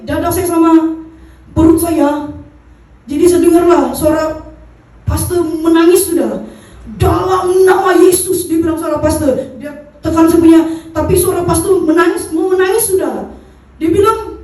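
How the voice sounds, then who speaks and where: High-voiced woman testifying in an echoey hall. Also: darkish tone. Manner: earnest, halting, with restarts and repeats. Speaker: church member giving testimony. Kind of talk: personal testimony at a church service. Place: church hall. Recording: very echoey hall, far from the mic.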